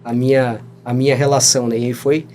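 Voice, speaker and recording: With some light background noise, this thirty-something Brazilian man speaks at a medium pitch in a level, mellow voice, going a little fast. He's a podcast guest in a relaxed storytelling interview, wandering through anecdotes, laughing along, and dropping "né?" again and again.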